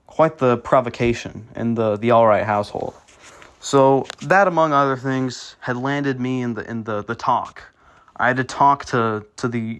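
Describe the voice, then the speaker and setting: A man's voice: medium pitch, a bit bright. A young man with a nasal voice, casually telling self-mocking stories from his childhood, with plenty of restarts and fillers. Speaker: vlogger. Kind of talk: casual storytelling rant.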